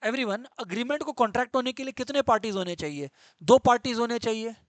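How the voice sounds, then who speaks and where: High-pitched energetic male law teacher. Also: fast talker, no room sound. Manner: energetic, repeats points, quizzes students. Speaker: commerce teacher. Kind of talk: live online law lecture.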